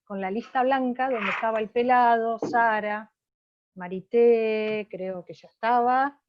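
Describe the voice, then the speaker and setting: A woman's voice: fairly high pitch, steady tone, measured pace, dull audio. A woman, a union member, eagerly adding a recollection in an online meeting with a chatty, wry manner.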